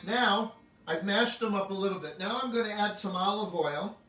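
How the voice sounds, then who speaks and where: A man talks through a home cooking demonstration in a friendly, joking way. His voice sits fairly high for a man. He is picked up from some distance in an echoey home kitchen with a faint hum of noise behind him. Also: moderate pace. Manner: chatty and upbeat, jokes with the camera operator. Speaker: home cooking show host.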